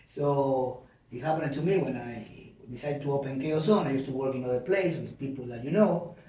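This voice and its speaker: A man's voice: mid-range voice, moderate pace. A man, a gym owner, telling stories in loose on a casual podcast. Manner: non-native grammar, warm storytelling. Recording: very echoey room, mic far off.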